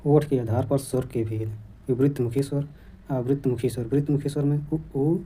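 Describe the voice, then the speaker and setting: Dark-voiced male teacher dictating. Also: mid-range voice, normal speed, slight background noise. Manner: steady, dictation-like listing of terms. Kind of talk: exam-prep grammar lesson.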